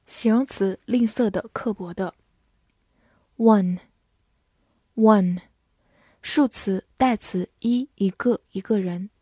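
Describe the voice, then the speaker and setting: Slow, mellow woman teaching vocabulary. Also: medium pitch, slightly rough, no echo, clean studio sound. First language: Chinese. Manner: says each English word twice slowly, then gives Chinese meanings. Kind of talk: scripted vocabulary lesson.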